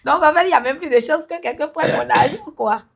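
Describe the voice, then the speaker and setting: Gravelly, emphatic woman. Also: high-pitched, fast talker. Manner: emphatic, breaks into loud calls to listeners; laughs between remarks. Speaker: entrepreneur guest. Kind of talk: casual interview chat.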